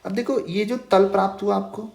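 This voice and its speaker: Brisk and gravelly, a man with a high-pitched, darkish, steady voice teaches math in Hindi at a whiteboard. The roomy echo surrounds his patient style: key terms repeated as questions, and "okay" after nearly every phrase.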